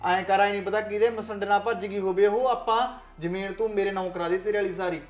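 A man plays a callous son-in-law who brushes everyone off and pushes his own demands. His voice sits high and the words come out quickly. The recording sounds dull and lo-fi. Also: fairly even intonation, faint music behind, close to an everyday voice. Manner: dismissive, pushy. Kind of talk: village short film acting.

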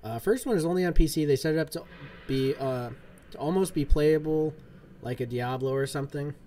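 Streaming from his home gaming room, a thirtysomething gamer makes relaxed small talk as he plays, drifting from point to point and leaning heavily on fillers. His voice sits fairly high, warm in tone, at a slightly quick pace.

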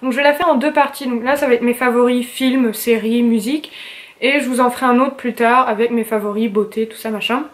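A young woman chats casually to camera about her favorite things, gushing and full of slang and fillers. Her voice sits a little high. She talks from a room at home. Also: fairly even intonation, fairly quick. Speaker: vlogger.

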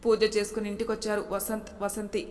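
A woman storyteller reading a family story aloud in a steady, even manner. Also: mid-range voice, quick pace, in a large hall. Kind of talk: scripted story narration.

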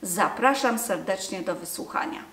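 A woman introduces a library's online story session in a courteous, formal way, inviting listeners in. Her voice sits at a middle pitch and carries a clear echo from the room she is recording in. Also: expressive, moderate pace. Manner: polite, inviting, warmly formal phrasing. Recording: echoey room.

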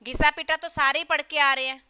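A woman teaching an English literature class online, quizzing students and pushing them to answer quickly. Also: high voice, steady tone, bright, forceful tone.

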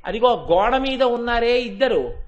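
A man's voice: very high voice, expressive, moderate pace, highs cut off. A man voicing a worried father who earnestly coaxes his small son, within a devotional story. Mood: coaxing.

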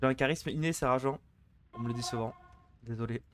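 Fast excitable esports caster. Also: male voice, medium pitch, a little hiss or hum. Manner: excitable, fast, chatty, banters with chat. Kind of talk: live game commentary.

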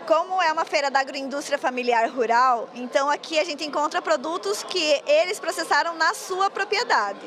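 A woman's voice: high-pitched, normal speed, few pauses, fairly bright tone, a little hiss or hum. A woman, fluently explaining her work in a live news interview at an indoor fair. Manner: fluent, explanatory, occasional stumbles. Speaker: agro-industry coordinator interviewed. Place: busy indoor food fair. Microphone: handheld reporter mic.

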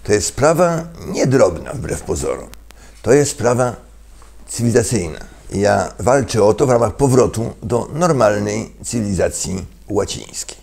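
An older man giving a lecturing monologue, halting with fillers and restarts and tossing in rhetorical questions. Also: on the low side, very animated, vocal fry, darkish tone. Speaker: political commentator.

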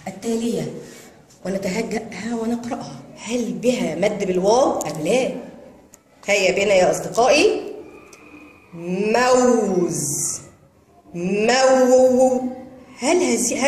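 A woman with an Egyptian accent teaching young children to read, stretching long vowels slowly as she sounds out words. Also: fairly high pitch, a little hiss or hum. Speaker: kindergarten Arabic teacher. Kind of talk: children's reading lesson. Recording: echoey room with long reverb.

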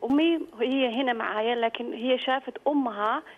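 A woman from the Netherlands is calling in by phone. She has a slightly high voice and speaks quickly between halting searches for words in broken, speech. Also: phone-quality sound, slight background noise. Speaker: phone-in caller. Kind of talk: casual recounting. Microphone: telephone.

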